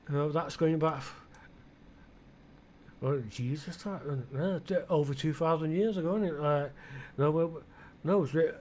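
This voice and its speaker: A man's voice: a little high, darkish tone, slight background noise. A British man musing aloud in rambling flight-sim commentary, often asking himself questions and restarting his sentences, with blunt, mildly irreverent asides. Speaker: gaming video creator.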